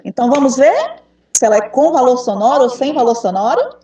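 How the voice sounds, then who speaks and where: Brazilian woman running an online workshop for teachers, patient and encouraging, warm low tone, video-call audio with roomy echo. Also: big pitch swings, fairly quick, muffled recording. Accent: Brazilian Portuguese. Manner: patient, encouraging, asks the group questions. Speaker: teacher trainer. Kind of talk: online teacher training session. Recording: echoey room, distant mic.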